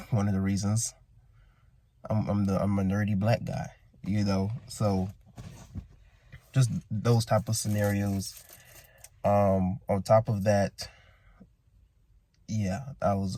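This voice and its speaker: Groggy, low-voiced man rambling. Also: warm tone, no echo. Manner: rambling, many restarts and asides. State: groggy morning voice. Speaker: vlogger. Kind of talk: casual storytelling vlog.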